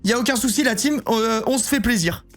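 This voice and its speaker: A man's voice: very high-pitched, brisk, fairly bright tone, faint music behind. Joking, rambling streamer man. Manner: rambling and joking, reads chat aloud. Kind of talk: casual live-stream chat.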